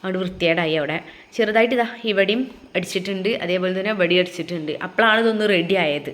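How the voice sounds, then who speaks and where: A woman's voice: on the low side, fast talker, fairly bright tone, a little hiss or hum. A woman, casually chatting to viewers step by step while making crafts at home. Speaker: family vlogger. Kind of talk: casual crafts vlog chat.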